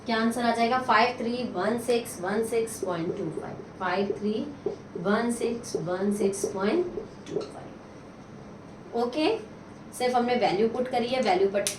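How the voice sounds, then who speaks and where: A woman with a fairly high voice works through maths sums, answering her own questions and counting each step aloud. She sits off the mic in an echoey room with steady noise behind her. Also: far from the mic. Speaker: maths teacher.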